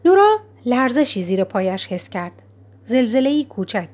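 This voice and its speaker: Brief: woman narrator, high voice, slow soft audiobook read. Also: very animated. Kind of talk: scripted narration.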